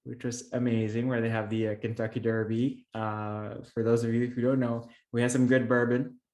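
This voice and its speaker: A middle-aged Filipino real estate investor, appearing as a podcast guest, tells stories in a conversational interview. His voice is medium-pitched, level, and a little mellow, and his earnest delivery is halting, with many restarts and fillers, in a roomy, echoey space.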